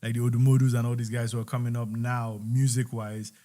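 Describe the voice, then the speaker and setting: Male rapper guest, mid-pitched and easygoing; he tells stories casually and lets his voice drop on his asides. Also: little pitch movement, fast, warm tone. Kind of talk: casual storytelling chat.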